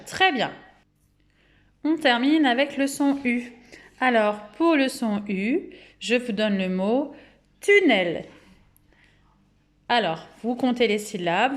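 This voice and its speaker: Slow, patient woman teaching young children. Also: on the high side. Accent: French. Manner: slow, clear, patient, syllables drawn out and repeated. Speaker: kindergarten teacher. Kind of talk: remote phonics lesson for young children.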